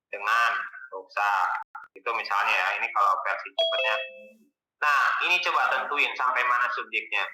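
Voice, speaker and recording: In this relaxed exam-prep session, the male tutor speaks in a loose, colloquial way, raising questions and supplying the answers himself. His medium-pitched voice is very bright and crisp, captured from some distance in a roomy, echoey space.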